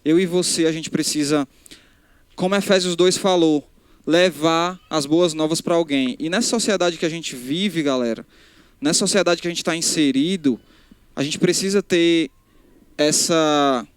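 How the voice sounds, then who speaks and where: With a handheld mic, a young preacher with a fairly high, clean voice speaks to the crowd at a moderate pace in a casual live sermon. He talks straight to them and frequently restarts sentences, with no room sound.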